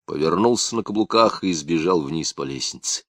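Male narrator, very low voice, steady read, close dry mic. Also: normal speed, no echo. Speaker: audiobook narrator. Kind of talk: scripted narration.

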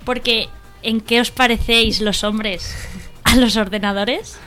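Woman, teasing co-host, slightly high voice, faint music. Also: steady tone, measured pace, bright, forceful tone. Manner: teasing, needles the men. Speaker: radio comedy co-host. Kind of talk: joke-telling radio banter.

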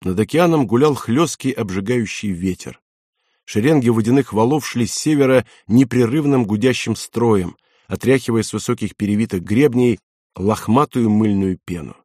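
A man reads a war novel aloud as an audiobook narrator, steady and measured. His voice is of middling pitch and sits close to the mic in a dry, dead space. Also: dry recording.

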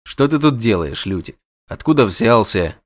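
A man voicing a calm, laconic male monster hunter who speaks flatly and without hurry. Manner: flat, low, unhurried and dry.

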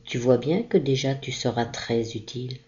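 A woman reading aloud, voicing a gentle, kindly old sea captain with a caressing, reassuring manner, on a dull lo-fi recording. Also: very deep voice, normal speed.

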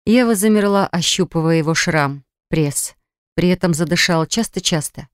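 A woman reading a novel aloud as an audiobook narrator, in a steady storytelling manner. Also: on the low side, normal speed, clean tone, dry recording, clean studio sound. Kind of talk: scripted narration.

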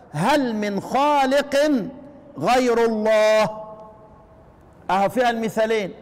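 A man with an Egyptian accent teaching a lesson on Quranic readings, asking rhetorical questions and slowly chanting the example phrases. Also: high voice, in a large hall. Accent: Egyptian Arabic. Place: class with students.

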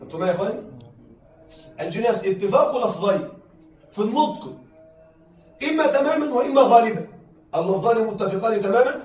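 High-voiced man lecturing a class. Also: a little mellow. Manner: repetitive, keeps checking that listeners follow; drawn-out emphatic stresses on key words. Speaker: teacher. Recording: roomy, distant mic, faint noise.

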